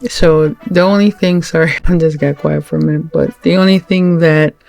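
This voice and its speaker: A woman speaking earnestly to her supporters, religious and heartfelt, often halting and restarting her sentences. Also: sits low, fairly even intonation, gravelly, a little mellow, faint music behind. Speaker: channel host, wife of the late channel owner. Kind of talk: heartfelt thank-you talk to supporters.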